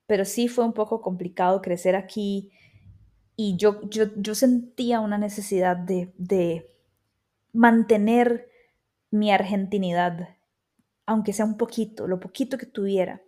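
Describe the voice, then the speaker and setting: This podcast host is a Costa Rican woman in her thirties whose accent comes through as she muses in a chatty personal monologue, often slipping in quoted asides. She speaks unhurriedly in a mellow, medium-pitched voice with fairly even intonation.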